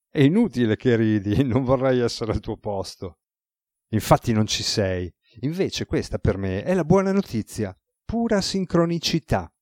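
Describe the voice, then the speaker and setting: Guy reading as a tired ironic god, low mellow voice, chill and teasing, dry audiobook sound. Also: no room sound. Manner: relaxed, teasing, wry. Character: weary ironic male god, playful.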